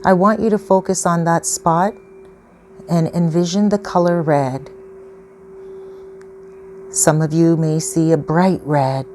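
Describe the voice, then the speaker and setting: A woman leading a calm guided grounding exercise as a meditation guide, giving patient, step-by-step instructions. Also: on the low side. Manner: slow, patient, instructional phrasing. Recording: clearly noisy ambient background.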